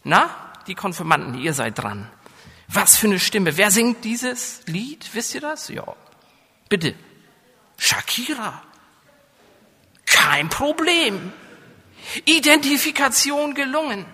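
A man's voice: extremely high pitch, sing-song, slow, long pauses, pushed and bright, slightly rough. A man from northern Germany with a coastal accent, preaching a sermon. He often asks the congregation questions and builds up to raised, emphatic passages. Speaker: pastor. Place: church. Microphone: microphone. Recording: hall reverb.

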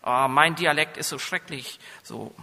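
Through a microphone in a reverberant church hall, a northern German pastor with a coastal accent delivers a sermon at a measured pace. His fairly high voice is bright and forceful, with some vocal fry. Questions to the congregation recur often, and he climbs to loud, emphatic moments.

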